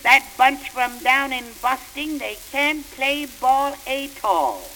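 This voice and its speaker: Woman voicing a slangy boy in the bleachers, old-time dialect, high voice, very slow delivery. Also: expressive, bright, forceful tone, a little hiss or hum, full character voice, low-quality recording. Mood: boastful. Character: rowdy young male baseball fan, excitable. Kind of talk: comic poem recitation.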